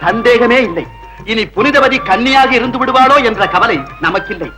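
A man's voice: very high voice, normal speed. An actor playing a pleased, reassuring father in formal old film dialogue. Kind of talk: dated Tamil film dialogue. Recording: music playing under the dialogue.

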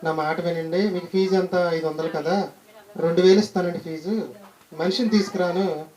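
A stubborn husband pleading over and over, as a preacher puts him on in a sermon story. He pushes the same request again and again in a dark, mellow voice. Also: mid-range voice, fairly even intonation, normal speed, close to an everyday voice.

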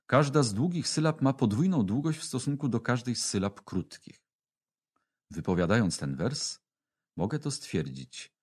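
A man reading a classic religious text aloud as an audiobook, in a slow, measured way with long pauses. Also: on the low side, darkish tone, breathy edge. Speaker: audiobook reader.

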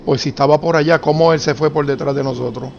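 Slightly high-voiced man gaming, noisy background. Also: steady tone, quick pace, vocal fry, darkish tone, dull audio. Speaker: online role-play gamer. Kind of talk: casual gaming chat.

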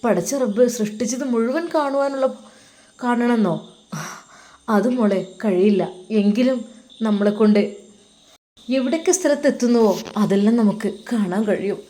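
A woman voicing a devout male religious teacher who talks in a soft, kindly, patient tone. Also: a little high, normal speed, long pauses, lightly acted. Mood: gentle.

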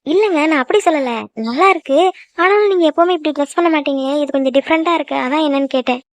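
A jealous young girlfriend in a cartoon, voiced by a woman in a high, rapid voice. She scolds and sulks in quick bursts. The sound is dry and close, with no room around it. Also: dry recording, natural voice. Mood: curious, pleading. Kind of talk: cartoon voice acting.

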